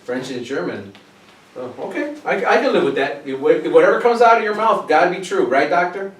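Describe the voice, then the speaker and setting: A slightly high-voiced man hosting a comedy sketch, teasing and joking with his guest and stumbling over words as he goes. He sits back from the mic, so his voice sounds roomy and echoey. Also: lively intonation, brisk. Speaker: host. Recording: echoey room, mic at a distance.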